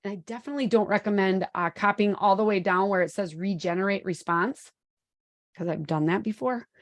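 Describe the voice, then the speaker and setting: Speaking fairly quickly in a mid-range voice, a woman in her forties runs a live webinar through a computer mic. She's upbeat and chatty, and her delivery is full of ums and fillers. There's no echo.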